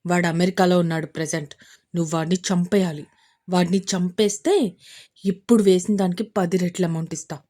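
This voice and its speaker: A woman voicing an angry, vengeful man who plots a killing, with a lower, threatening voice in a storybook reading. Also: fairly even intonation, a little fast, mellow, close to an everyday voice. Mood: menacing. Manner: threatening, hissing revenge.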